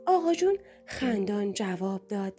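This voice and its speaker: A woman telling a story in the first person, her voice rising and falling in lively swings. Her pitch sits somewhat high. Soft music runs faintly beneath. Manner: expressive storytelling. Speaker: narrator.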